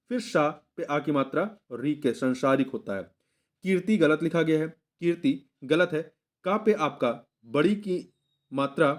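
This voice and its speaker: A young man teaching exam preparation, going through test questions one by one, patiently repeating each answer and correcting himself mid-word. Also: a little high. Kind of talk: explaining Hindi test answers.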